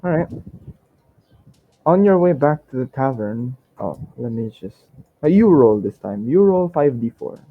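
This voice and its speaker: A man's voice: mid-range voice, animated, a little slow. A man running a tabletop game as game master, laid-back, laughing often and fumbling through his notes. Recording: dull lo-fi sound with faint noise.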